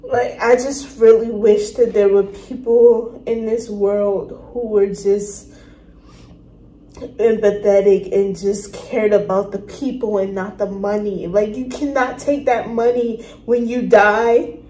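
Woman, reaction host, earnest, emotional, halting, slow-paced, roomy echo. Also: medium pitch, steady tone. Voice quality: emotional, soft-spoken. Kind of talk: casual reaction commentary. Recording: roomy room with faint noise.

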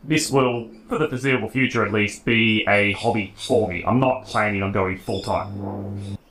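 A hobby woodworking creator in his thirties with an Australian accent talks casually to camera in his home garage workshop. His voice is fairly low and fairly bright, at normal speed, with roomy garage echo around it.

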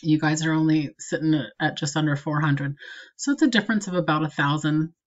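A woman marketing consultant walking a client through an SEO review with a screen recording, in a steady and practical way. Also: low voice, fairly quick, dull audio.

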